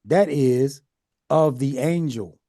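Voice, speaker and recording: A man's voice: mid-range voice, slow, warm tone. A man reading Bible verses aloud in a study group, with playful asides between passages. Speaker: scripture reader.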